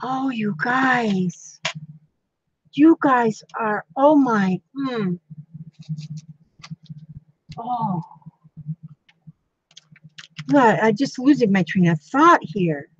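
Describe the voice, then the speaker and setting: An older woman chatting casually on a craft livestream, thanking viewers warmly and exclaiming often as she sews. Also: fairly high pitch, lively intonation, drawn-out words, pauses often, lo-fi sound, slight background noise. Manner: chatty, gushing thanks to viewers with frequent gasps. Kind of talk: casual live-stream chat while sewing.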